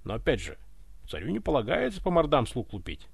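A man reads an audiobook with a gravelly, slightly raised voice that rises and falls with great expression. His storytelling is wry and lively. The recording is dry and close. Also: medium pitch, brisk, no room sound. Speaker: narrator. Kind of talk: audiobook narration.

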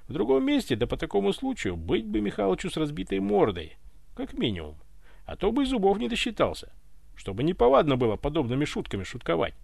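A man narrating a humorous story in an expressive, wry manner for an audiobook. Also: a little high, quick pace, gravelly, no echo, clean studio sound.

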